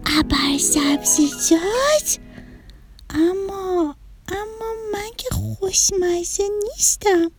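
A woman's voice: a little mellow, distant mic, soft background music. Woman voicing a tearful little broccoli. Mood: hopeful. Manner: high, small and wavering. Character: little sad broccoli child, shy and tearful.

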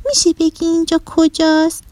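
A woman doing a curious little girl, high and squealing. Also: no room sound. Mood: surprised. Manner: high, squealing excited questions.

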